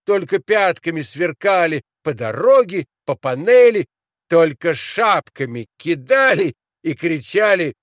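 Man, children's poem reading, sing-song cadence, fairly high voice, dry close sound. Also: very animated, unhurried, dry recording. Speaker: reader.

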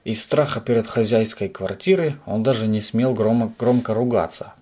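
A man reading a children's story aloud in a lively storytelling manner. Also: lowish voice, normal speed, husky. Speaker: narrator.

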